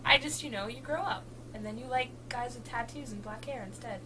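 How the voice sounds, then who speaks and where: A woman from Boston with a Boston accent, co-hosting a casual chat, playful and quick to laugh, dropping into soft asides. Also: a little high, noisy background. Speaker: co-host of a book channel.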